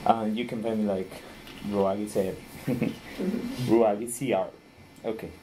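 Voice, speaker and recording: A man in his thirties from Rica, speaking English, giving a friendly conference talk with frequent small laughs and pauses while he searches for words. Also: on the low side, steady tone, dark tone, slight background noise, rough recording. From Costa Rica.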